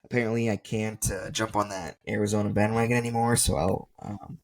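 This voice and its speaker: A man's voice: fairly low pitch, steady tone, a little fast. A man co-hosting a casual sports podcast, making confident, joking predictions with lots of ums and uhs. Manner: bold, joking predictions with many fillers. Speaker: podcast co-host.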